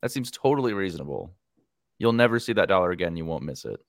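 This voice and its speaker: Man, podcast host, lowish voice, playful, joking, dry sound. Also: sing-song, fast, creaky, no room sound. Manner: joking, playful, runs the show segments. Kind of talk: casual podcast banter.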